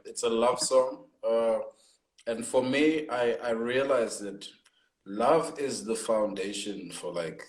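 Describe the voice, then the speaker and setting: On the low side and heard through a rough, reverberant recording, this South African man is a hip hop artist chatting casually over a video call. He's thoughtful and reflective, with lots of fillers, and he's captured on a laptop or phone.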